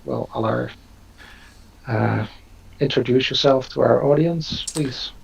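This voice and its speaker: Slow gravelly man in his fifties. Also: mid-range voice. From Netherlands. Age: 50s. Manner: slow, hesitant, many fillers. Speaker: host. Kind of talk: casual live Q&A hosting. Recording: dull lo-fi audio.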